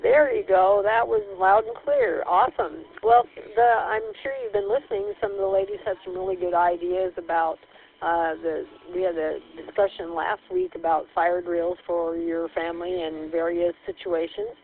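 A woman's voice: fairly low pitch, normal speed, gravelly. Woman running a walkie-talkie radio check. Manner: procedural radio talk with call signs and "copy that". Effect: heard over a walkie-talkie radio. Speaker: net control for a ladies' radio check. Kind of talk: radio net check-in chat. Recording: tinny two-way radio with faint hiss.

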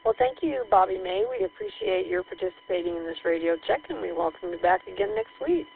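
A woman's voice: mid-range voice, sing-song, fairly quick, creaky. A woman running a radio net check-in as net control operator, talking in a friendly, formal call-and-response manner, heard over a two-way walkie-talkie radio. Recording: tinny radio transmission with hum.

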